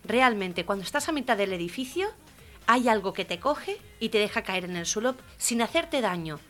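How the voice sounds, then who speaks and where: Una mujer con acento de España cuenta chistes en un programa de radio, con mucha animación, y pone voces a los personajes. Se oye una música suave de fondo. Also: female voice, medium pitch, normal speed, faint music behind. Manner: lively joke-telling, acting out characters loudly. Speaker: radio comedy host. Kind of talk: telling jokes on community radio.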